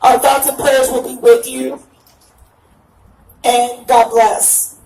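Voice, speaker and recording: A woman's voice: sits high, little pitch movement, takes it slowly, gravelly, a little mellow. A woman emcee introduces speakers at a rally and rouses the crowd. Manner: encouraging, rousing the crowd. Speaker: event emcee. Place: outdoor rally stage. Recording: echoey, distant recording with faint music.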